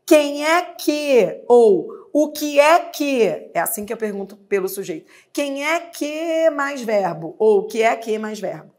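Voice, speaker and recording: A woman's voice: fairly high pitch, big pitch swings, darkish tone. A woman teacher with a Brazilian Portuguese accent, giving a grammar lesson and asking and answering her own questions. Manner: patient, drawn-out explanations, asks and answers her own questions. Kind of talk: exam-prep grammar lesson.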